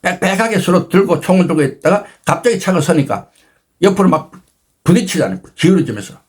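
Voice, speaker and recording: A man in his sixties hosting his own channel, retelling a personal story with dramatic emphasis and sudden jumps in pitch. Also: big pitch swings, fairly quick, breathy edge. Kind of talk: animated storytelling talk.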